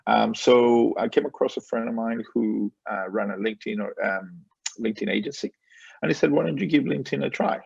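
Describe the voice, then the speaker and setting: Gravelly-voiced man in his forties. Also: mid-range voice, a little fast, no echo, highs cut off. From Spain. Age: 40s. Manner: relaxed storytelling with many fillers and small laughs. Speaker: guest, company founder. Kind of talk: casual interview on a call. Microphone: video call.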